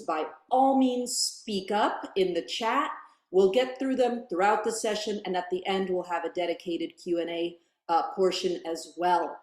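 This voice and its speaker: A woman's voice: medium pitch, darkish tone. Woman hosting an online cooking class, upbeat, roomy echoey sound on a video call. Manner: upbeat and friendly. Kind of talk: welcoming a virtual class. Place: bright home kitchen.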